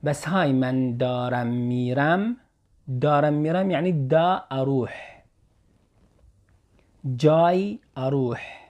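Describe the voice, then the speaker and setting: Male language teacher, Iraqi Arabic accent, patient, repeats examples slowly. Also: mid-range voice, a little mellow. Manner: slow careful repetition of example phrases. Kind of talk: explaining Persian phrases in Arabic.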